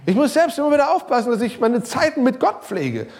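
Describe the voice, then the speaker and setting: A man's voice: brisk, vocal fry. A middle-aged male pastor preaching a sermon, talking casually and directly to his listeners, his voice rising and falling. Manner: lively preaching, pitch rising and sinking, some quiet passages; casual, direct address with English loanwords.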